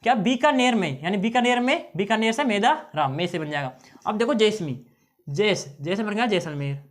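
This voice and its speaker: High, lively male teacher. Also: moderate pace. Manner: keeps checking in with students, repeating phrases. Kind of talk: exam-prep lesson teaching memory tricks.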